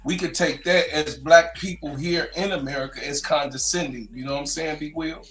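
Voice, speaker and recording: Deliberate man in a roomy echo. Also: on the high side, steady tone, a bit bright. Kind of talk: casual group discussion. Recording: roomy echo with faint music.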